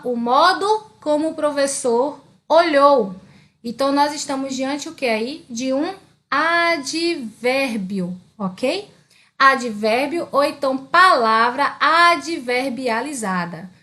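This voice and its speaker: Woman, Brazilian Portuguese accent, high-pitched, grammar teacher, online lesson, frequent check-ins. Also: a bit bright. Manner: keeps checking in with "beleza?" and "tá?"; asks questions and answers them herself.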